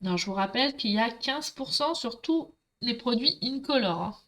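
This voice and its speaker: Woman, Marseille accent, talkative live crafting host, bright forward voice, middle-aged. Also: fairly high pitch, expressive, normal speed. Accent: Marseille French. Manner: chatty, talkative, addresses viewers directly. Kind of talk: live crafting tutorial, chatting with viewers.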